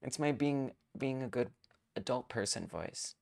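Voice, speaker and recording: A young woman hosts a game-making stream in a low-set voice that swings widely as she reacts. She chats casually, teasing herself and getting worked up over small things. Her delivery is loose and expressive. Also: vocal fry. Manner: excitable, self-mocking, quick to laugh. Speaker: host of a game jam stream. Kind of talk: casual live-stream chat.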